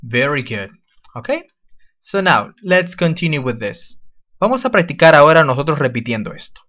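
A man teaching an English class to children online, switching to slow, drawn-out model phrases for the children to repeat. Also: fairly high pitch, big pitch swings, a bit bright.

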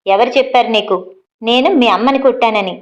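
A woman's voice: fairly high pitch, brisk, muffled recording, close to an everyday voice. A woman voicing a stern, controlling middle-aged father who lectures his grown children in a storybook reading.

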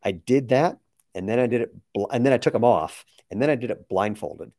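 Expressive and a bit fast, a man in his sixties with a mid-range, slightly mellow voice answers viewer questions as a company founder on a live stream. His tone is casual and full of asides, and the recording has no echo.

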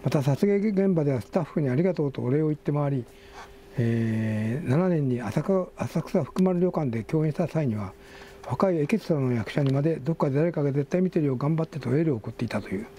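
A man's voice: fairly high pitch, lively intonation, a little fast, warm tone, slight background noise. An older man hosting a casual talk show, reading magazine articles aloud with asides and self-corrections. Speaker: magazine editor and host.

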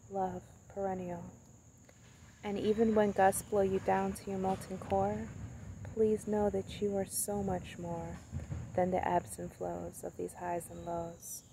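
A young woman speaking softly and haltingly into her phone in the woods, sharing thoughts and reading a poem she wrote. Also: medium pitch, gravelly, slight background noise. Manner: soft and halting, many pauses and fillers. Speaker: spoken word poet. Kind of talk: casual reflective talk and poetry reading. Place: outdoors in woods, beside a tree. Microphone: phone camera at arm's length. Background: crickets and insects outdoors.

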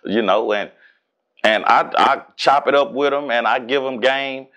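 A man in his forties from Houston with a Southern accent, talking casually and profanely as an interview guest, animated and streetwise. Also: medium pitch, a little slow. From Houston, Texas. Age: 40s. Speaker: rapper and guest.

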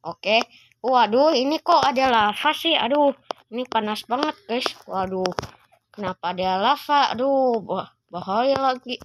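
A woman's voice: on the high side, a little slow, noisy background. A woman hosting a gaming channel, giving let's-play commentary, chatty and constantly exclaiming as she talks to her viewers. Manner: constant exclaiming, frequent "waduh" and "aduh"; chatty, addresses viewers as guys.

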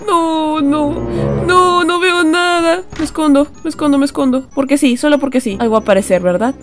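Young woman, high voice, nervous horror-game streamer who shrieks at scares. Faint music behind. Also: a little fast. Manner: jittery, frightened, chatty to viewers, bursts into shrieks. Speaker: gaming streamer.

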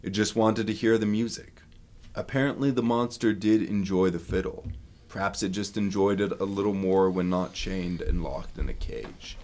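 Lower-pitched man telling a legend dramatically. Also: moderate pace, darkish tone. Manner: dramatic storyteller, punchy asides and swells. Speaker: museum staff member telling local lore. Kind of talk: storytelling narration of a folk legend.

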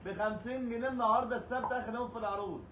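A young Egyptian man works a live sales stream like a booming prize announcer. His high voice races along, hammering the same phrases over and over. The room is echoey. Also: steady tone, rapid-fire, fairly bright tone, lo-fi sound. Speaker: live sales host in a homeware shop. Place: small shop, indoors. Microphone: phone camera a short way off. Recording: echoey room with faint noise.

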